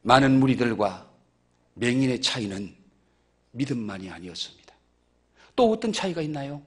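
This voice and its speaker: A pastor preaching a sermon, dropping to soft murmurs and rising to loud exclamations, asking the congregation repeated questions. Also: male voice, mid-range voice, big pitch swings, moderate pace, slightly rough.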